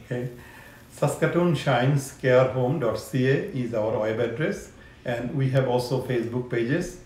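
Middle-aged man from Bangladesh, halting interview answers, mid pitch, roomy echo. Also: darkish tone, a little hiss or hum. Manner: halting, many fillers and restarts. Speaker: care home owner. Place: living room, seated on a sofa.

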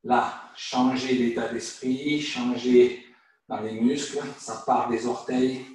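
A man with a French accent leads an online qigong lesson in a calm, guiding voice at a middle pitch. He keeps adding little fillers as he explains. The sound is very echoey and distant, as if he stands well back from the mic. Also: slow pace. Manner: calm guiding instruction, frequent "hein" and "voilà". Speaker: qigong teacher. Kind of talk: online qigong class instruction. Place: room at home or studio, teaching over video call. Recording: echoey room, voice from far off the mic.

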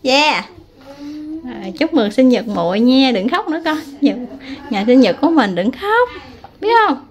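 A woman's voice: sits high, very animated, a little slow, pauses often. A woman, a mother chatting casually while filming her family, teasing and coaxing her child. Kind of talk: casual family vlog chat.

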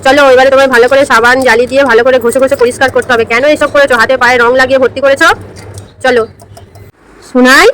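A woman's voice: sits high, fairly even intonation, fast talker, fairly bright tone, slight background noise, low-quality recording. A woman chatting casually with a small child, using simple repeated questions and coaxing instructions. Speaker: family carer filming a young child.

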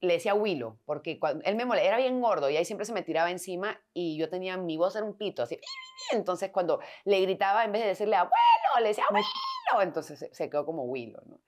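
A woman's voice: fairly low pitch, lively intonation, quick pace, hardly any pauses, darkish tone. A young Peruvian woman with a Peruvian Spanish accent, telling personal stories as a guest in a casual interview at home. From Peru. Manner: candid, storytelling.

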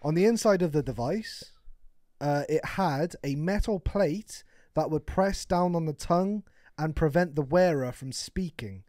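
A man's voice: a little high, measured pace, dry recording, clean studio sound. A young man co-hosting a casual podcast, joking and laughing often as he chats and reads out stories. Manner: laughs often, jokey and animated. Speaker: podcast co-host. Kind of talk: casual chat.

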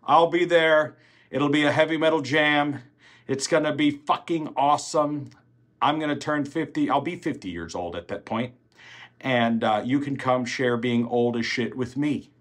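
A man's voice: mid-range voice, moderate pace, fairly bright tone. A man in his forties, a band singer, chatting casually in a vlog, rambling and swearing freely. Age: 40s.

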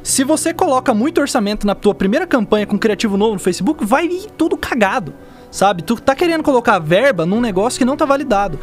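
A man's voice: very high-pitched, animated, quick pace, soft background music. A young man with a Brazilian accent chatting casually on a podcast, explaining things with examples in slangy speech. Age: young adult. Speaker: podcast guest, digital marketer. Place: indoor podcast studio. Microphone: dynamic mic on boom arm, close.

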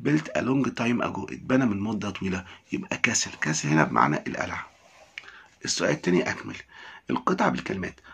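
A man with an Egyptian Arabic accent teaching a primary English lesson. He reads English lines slowly, then explains them in quick Arabic. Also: low voice, animated, vocal fry, a bit bright, slightly rough.

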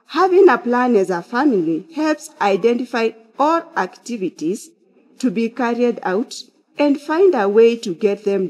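Woman giving calm counseling advice. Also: on the high side. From Kenya. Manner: measured, instructive, opens with prayer. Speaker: counseling psychologist. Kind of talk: church talk to online viewers. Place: church sanctuary behind a glass pulpit.

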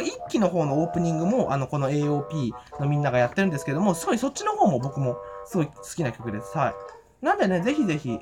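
A man giving an excited, giddy and rambling fan report from home, full of fillers and giggles. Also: a little high. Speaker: fan vlogger. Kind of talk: casual event report vlog. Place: at home after the event.

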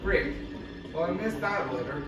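High-voiced man calling game moves. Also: expressive, measured pace. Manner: calls out each move in short bursts. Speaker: gameplay commentator. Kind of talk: casual play-by-play game commentary. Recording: echoey room, far from mic, game music.

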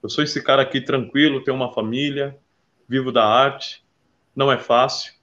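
A man being interviewed as a visual artist, telling stories in a lively, casual way and often calling the listener "brother". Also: medium pitch, normal speed. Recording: dull lo-fi sound.

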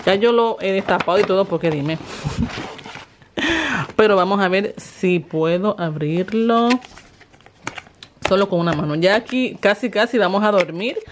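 Woman, Dominican accent, expressive, laughs often, casual home vlog, echoey room, faint hiss. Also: mid-range voice, a little slow, pauses often. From Dominican Republic. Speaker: vlogger. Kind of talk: casual vlog, opening birthday gifts. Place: home, indoors.

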